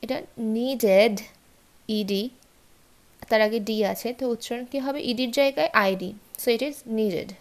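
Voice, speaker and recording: A woman teaching English pronunciation rules in a bilingual lesson, slowly repeating and spelling out example words. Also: a little high.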